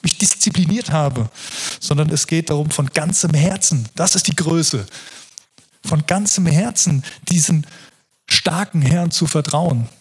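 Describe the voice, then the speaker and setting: A male preacher delivering a sermon in an earnest, reflective tone. His voice is slightly husky and sits a little high. He often breaks off and restarts his sentences. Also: a little slow.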